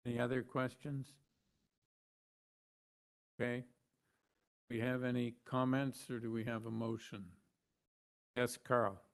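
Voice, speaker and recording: A Canadian man chairing a public planning hearing, brisk and procedural. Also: mid-range voice, little pitch movement, vocal fry. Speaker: committee chair.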